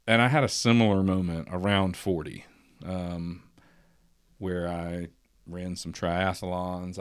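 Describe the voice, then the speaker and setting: A man in his forties hosts a casual podcast conversation with a very low, deep voice. He talks reflectively and builds toward emphatic points. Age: 40s. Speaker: podcast host.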